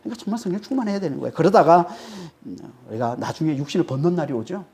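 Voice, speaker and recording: This is a woman giving an expository sermon in a low, mellow, sing-song voice at a racing pace. She hammers home her points by repeating key phrases, and a prompting "eh?" keeps popping up as she checks on the audience.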